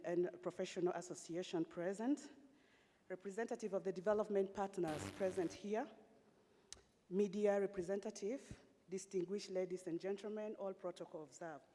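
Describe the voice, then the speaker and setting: A woman's voice: mid-range voice, steady tone, moderate pace, warm tone. A woman delivering a formal, ceremonial podium speech as a delegate at a conference. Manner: ceremonial, reading out protocol. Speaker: delegate giving remarks. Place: large conference hall, public address. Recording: reverberant conference hall.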